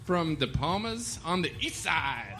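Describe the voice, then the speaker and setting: A man's voice: fairly high pitch, very animated, measured pace, loud music behind the voice. A man hosting a live comedy trivia show on a bar stage, joking and laughing between lines. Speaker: game show host. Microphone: stage microphone.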